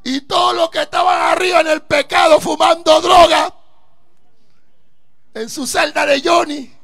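A preacher gives a fervent sermon in a very high, gravelly voice. He takes his time and often breaks into emphatic shouting. It sounds like a live church service. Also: steady tone, unhurried, some chatter behind.

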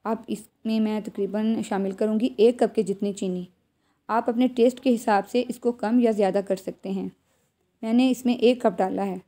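A home cook with a Pakistani accent narrates a cooking tutorial voice-over, walking viewers through a recipe step by step and addressing them directly and instructively. Her voice is medium-pitched and dark in tone, with fairly even intonation and a moderate pace.

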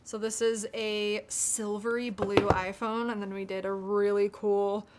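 Heavy background noise surrounds this young American woman's mid-range voice, which is flat and unhurried in delivery. Still, she's a bubbly YouTuber hosting a casual livestream, reading out comments from the chat.

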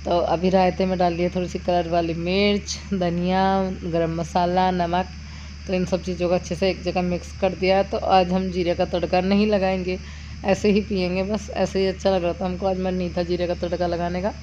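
Village woman cooking and chatting, low-ish voice, muffled sound, crickets going behind. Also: level tone, normal speed, warm tone. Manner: chatty, homely, explains each step. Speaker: village vlogger. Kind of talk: cooking vlog narration. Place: village home kitchen. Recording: dull lo-fi sound with outdoor noise. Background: insects and crickets.

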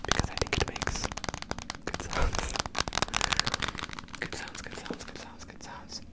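A man in his thirties doing fast, aggressive ASMR in a breathy whisper close to the microphone, rapidly repeating short phrases. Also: rough recording. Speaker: ASMR creator. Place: small indoor room. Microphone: close desktop condenser microphone.

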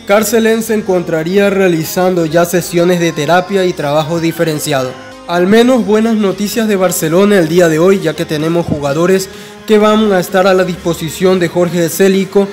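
Brief: young man, slightly high voice, casual fan-channel sports update with faint music underneath. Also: darkish tone. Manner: conversational, frequent fillers and restarts. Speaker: football channel host. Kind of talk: casual fan news commentary.

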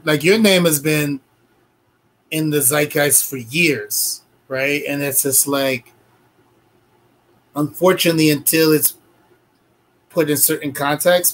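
A man's voice: a little high, poor audio. A man in his forties, a curator hosting a video-call interview, asking long, rambling questions in a friendly way. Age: 40s. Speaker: curator host.

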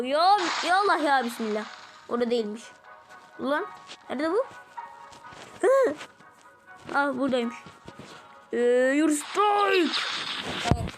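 High-voiced excitable Turkish gaming host. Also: female voice, poor audio. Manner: excitable, talks to viewers, groans and exclaims at the game. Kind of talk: let's-play gameplay commentary. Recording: loud game music behind the voice.

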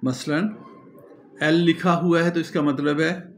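A man's voice: fairly high pitch, fairly even intonation, slow, slight background noise. A male teacher gives a classroom lecture, explaining patiently and spelling words out letter by letter.

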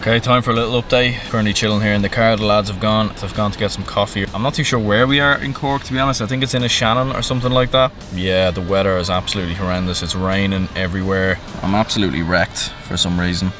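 A man's voice: fairly low pitch, steady tone, fast talker, few pauses. A man, casually narrating a road-trip vlog into a handheld camera, upbeat and slangy. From Ireland. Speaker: travel vlogger. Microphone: handheld camera at arm's length. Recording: loud music bed under the voice.

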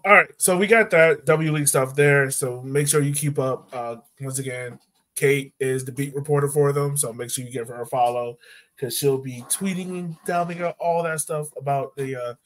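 With a steady, medium-pitched voice at normal speed, a thirty-something American podcast host chats about sports from a room at home. The video-call audio carries his jokey, opinionated take.

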